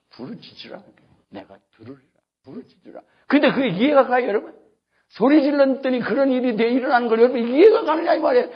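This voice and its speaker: A male pastor giving a sermon, preaching emphatically and breaking into loud shouts. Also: high voice, slightly rough. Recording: dull lo-fi sermon tape.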